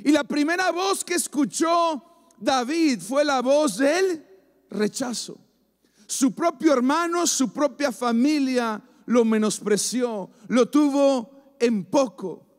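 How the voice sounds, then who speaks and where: A man preaching a sermon to a church congregation, emphatic and repetitive, building phrases up to shouts. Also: very high voice, slow pace. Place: church service before a congregation. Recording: long reverb of a large hall.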